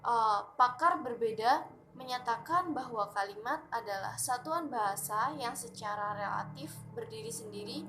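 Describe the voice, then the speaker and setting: A young woman, a university student reading her class presentation in a careful, read-aloud way. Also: a little high. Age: young adult.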